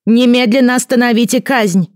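A woman reading an audiobook, voicing a young boy king who shouts angry, tearful commands. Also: mid-range voice, moderate pace, no room sound, studio quality, voice pushed up, natural voice. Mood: commanding.

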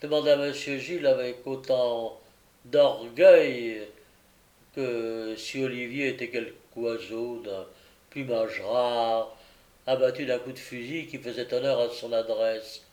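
A man reading a classic novel aloud as an audiobook narrator, with a measured, expressive delivery. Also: mid-range voice. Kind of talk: scripted narration.

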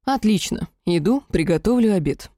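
A woman reading the lines of a gentle male elf healer in an audiobook, softly and affectionately. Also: mid-range voice, expressive, normal speed, dry recording, clean studio sound, lightly acted. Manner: soft, quiet, affectionate.

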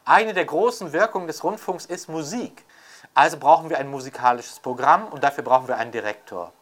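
An older author and scholar, interviewed without a script, talks off the cuff on intellectual topics in a reflective, emphatic way, often adding rhetorical tags. His voice sits on the high side and is a bit bright, and he speaks fairly quickly.

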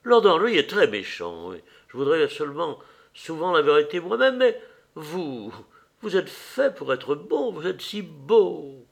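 A man voicing an old society hostess, a bossy matchmaker who talks in a fussy, commanding way with a raised, fluttery pitch. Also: big pitch swings, measured pace, gravelly, full character voice. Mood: chiding.

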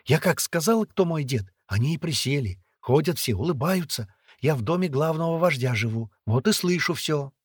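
A man's voice: on the high side, lively intonation, normal speed, few pauses, slightly rough, no room sound, studio quality, voice pushed up. A man doing a bossy little village girl. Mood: chattering. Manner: chattering, scolding in hushed urgent tones.

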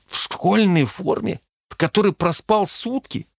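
A man's voice: a little high, expressive, normal speed, dry recording, studio quality, voice pushed up. A man voicing a nervous, awkward teenage boy who asks timid, fussy questions. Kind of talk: audiobook character voice.

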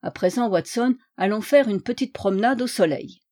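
A woman's voice: medium pitch, normal speed, a little mellow, natural voice. A woman voicing Sherlock Holmes as a shrewd, playful male detective in an audiobook, courteous and wry. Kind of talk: audiobook character reading.

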